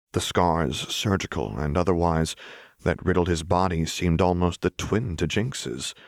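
Reading from a script, an audiobook narrator with a deep male voice delivers dramatic fiction. It's a dry recording, made with no room sound.

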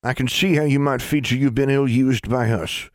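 A man's voice: mid-range voice, animated, moderate pace, no echo, pitched above the performer's own voice, natural voice. A man voicing a shrewd old country woman who crafts wands, speaking in folksy dialect. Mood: measured.

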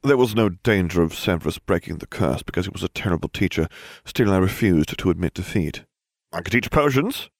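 A man reading a story aloud as narrator, with a wry, expressive delivery. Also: sits low, fairly quick, no room sound, studio quality. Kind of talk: audiobook reading of fan fiction.

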